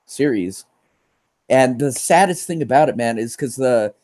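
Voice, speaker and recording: A man with a dark, relaxed voice of ordinary pitch chats casually on a livestream. He is laid-back and hesitant, pausing to hunt for words, with the odd offhand swear. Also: no room sound, studio quality.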